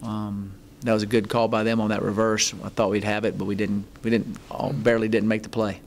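A middle-aged man, a head football coach, answering reporters at a postgame press conference, halting, with many ums and restarts. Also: lowish voice, little pitch movement, creaky, slight background noise. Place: press conference room, seated at table. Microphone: table mic in front.

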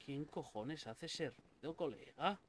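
A young man with a Spain Spanish accent giving let's play commentary, excitable and swearing a lot as he talks to the game characters. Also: fairly high pitch, unhurried, a little hiss or hum. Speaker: gaming YouTuber.

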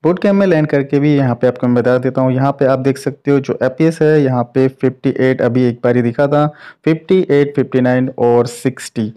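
A tech reviewer and channel host gives casual, explanatory commentary while testing a phone game, talking to viewers as if they were friends. His mid-range voice is warm in tone, and he speaks fairly quickly.

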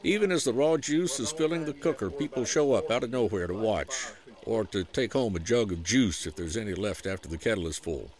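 A man with a Southern US accent narrating a documentary feature in a folksy, unhurried storytelling way. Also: on the low side, animated, crowd noise. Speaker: program host and narrator. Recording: voice-over with music underneath.

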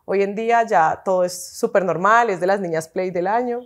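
A woman in her thirties with a Colombian accent is a guest in a casual interview chat. She talks frankly and chattily in a mid-range voice, often agreeing with quick repeated words.

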